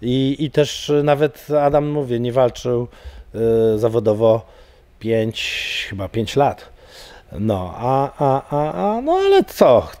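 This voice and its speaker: A man's voice: medium pitch, very animated, slow pace, darkish tone. A middle-aged man, an MMA coach, talking casually in an interview, rambling with many fillers and repeated words. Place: studio with banner backdrop.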